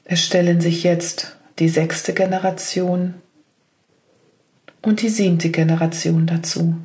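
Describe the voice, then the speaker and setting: Female meditation guide; calm, level delivery, unhurried pace. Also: fairly low pitch. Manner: slow, gentle spoken instructions.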